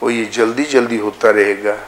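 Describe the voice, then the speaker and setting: A man giving a devotional discourse as a spiritual teacher, slow and deliberate, drawing out chanted syllables. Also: on the low side, steady tone. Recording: echoey room with faint ambient noise.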